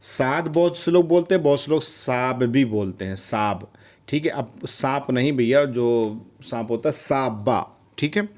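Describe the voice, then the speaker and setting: A man's voice: mid-range voice, unhurried, a little mellow. A man teaching Arabic vocabulary in Hindi, patiently explaining each word and repeating it with frequent check-ins. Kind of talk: vocabulary lesson.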